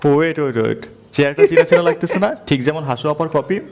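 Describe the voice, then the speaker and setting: A man's voice: fairly high pitch, lively intonation, quick pace, creaky. A man giving joking, gossipy commentary in a played clip. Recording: clip with loud music behind.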